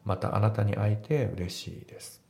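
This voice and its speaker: A low, gravelly male voice with a dark, mellow tone, talking through exam questions in a relaxed teaching style. He explains each sentence piece by piece. The recording has a noticeable echo, as if made in a bare room. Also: brisk. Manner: relaxed explanatory, breaks sentences into grammar parts. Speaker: English teacher. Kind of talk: casual exam walkthrough lesson.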